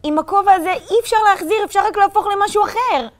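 A woman's voice: very high-pitched, pitched above the performer's own voice. A woman voicing an anxious young boy who plays magician and stammers as he hesitates. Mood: agitated.

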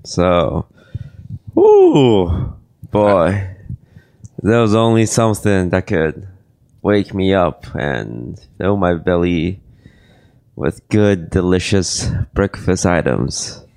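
A hungover man hosting a live podcast from a convention, laid-back and halting with fillers. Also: deep voice, lively intonation, vocal fry, darkish tone, clean tone, dry recording, studio quality. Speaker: podcast host. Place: at a gaming convention.

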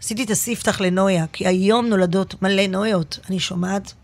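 A woman comedian chatting as a guest in a radio studio, telling stories in an animated, expressive way. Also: medium pitch. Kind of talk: casual interview chat.

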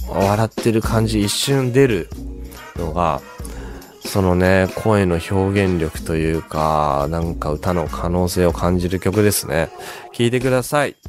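This radio host has a low voice and chats eagerly about music on his casual show, his talk scattered with pauses and fillers.

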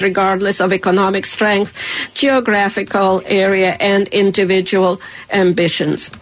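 A woman giving a live interpreter voice for a speech, pausing and restarting with fillers as she keeps up. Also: mid-range voice, low-quality recording.

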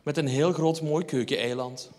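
A man's voice: on the high side, steady tone, normal speed, a little mellow, voice pushed down, lightly acted. A man with a Flemish accent putting on the voice of his bossy, demanding young wife. She speaks in an insistent, commanding way. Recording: reverberant live hall.

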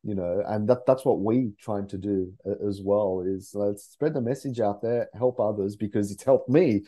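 Male podcast guest, low dark voice, earnest and rambling. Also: moderate pace. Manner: rambling, earnest, many fillers. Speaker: podcast guest, memory coach. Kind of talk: casual podcast interview.

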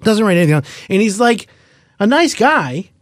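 Man, high lively voice, dry close sound, animated anecdotes, casual cursing. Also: normal speed, no echo. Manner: animated, acts out quoted people; swears casually. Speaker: renovation consultant. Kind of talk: casual podcast storytelling.

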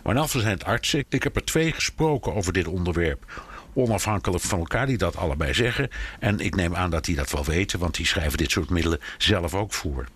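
A man giving measured, explanatory commentary in conversation, hesitating often as he thinks. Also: deep voice, expressive, a bit bright, husky, no echo. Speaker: commentator on American politics. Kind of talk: conversational analysis.

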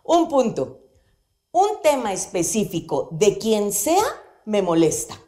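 Lively woman psychologist. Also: medium pitch, slow pace. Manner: animated, laughs often, playful examples. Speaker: psychology guest on radio show. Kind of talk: conversational radio talk. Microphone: studio microphone.

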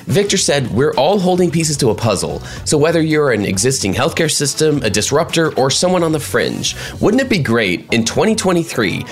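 An upbeat male podcast host with a lively, rising and falling delivery. He moves between a read monologue and warm introductions, with faint music under his voice. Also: fairly high pitch, normal speed, hardly any pauses. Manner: upbeat, welcoming, lively intonation. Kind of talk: podcast hosting and scripted monologue.

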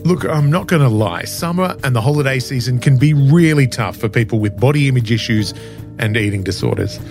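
A man with a hoarse, scratchy voice hosts a podcast in a conversational, narrated style. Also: mid-range voice, animated, fairly quick, a little mellow, faint music behind. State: hoarse, scratchy voice after flu. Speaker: podcast host.

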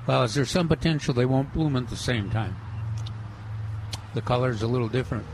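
A man's voice: mid-range voice, fairly quick, a little mellow, low-quality recording. An older man on a radio gardening show asking plain, practical questions. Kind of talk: casual radio chat. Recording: faint outdoor traffic noise.

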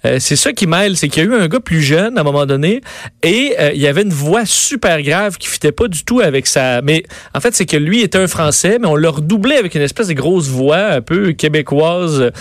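A man's voice: fairly high pitch, animated, fairly quick, no echo, studio quality. A man with a Quebec French accent, a radio columnist telling odd news stories in a chatty way, full of fillers. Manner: chatty storytelling, many fillers. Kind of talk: casual radio chat.

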